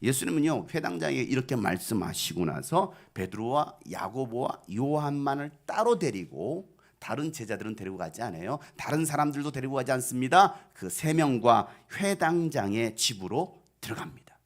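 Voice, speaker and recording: Gravelly, animated Korean pastor preaching. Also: male voice, mid-range voice, normal speed. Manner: dramatic, swinging from hushed asides to loud wailing and shouts; asks the congregation questions and answers them himself. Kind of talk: sermon. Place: small church.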